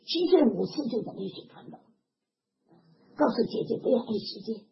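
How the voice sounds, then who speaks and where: Animated older woman preaching, lo-fi. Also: a little high, normal speed, creaky. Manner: animated, emphatic, with chuckles. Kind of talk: sermon. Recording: dull lo-fi recording with background noise.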